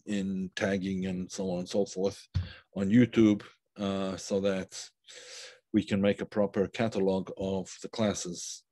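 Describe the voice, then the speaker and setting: A man teaching a live online class, unhurried and thinking aloud with many fillers and restarts, stopping to praise viewers' comments. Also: low voice, darkish tone, dry recording. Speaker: Kabbalah teacher.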